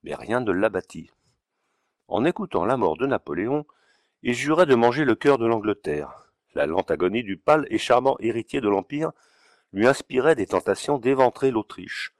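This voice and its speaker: A man narrating a classic novel as an audiobook, measured and steady. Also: medium pitch, no echo, studio quality.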